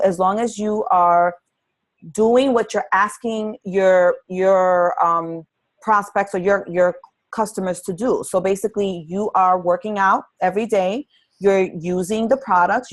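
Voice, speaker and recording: A woman with a mid-range, fairly even voice speaks a little slowly as she leads a live conference-call training for new fitness business coaches. She sounds earnest and encouraging, often saying "um" and restarting her sentences.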